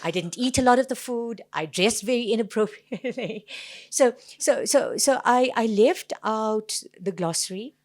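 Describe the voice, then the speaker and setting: A woman with a Durban Indian South African accent, chatting casually and anecdotally as an interviewed author, animated, jokey and self-deprecating. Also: on the high side, normal speed, hardly any pauses. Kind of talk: casual anecdotal chat at a book event.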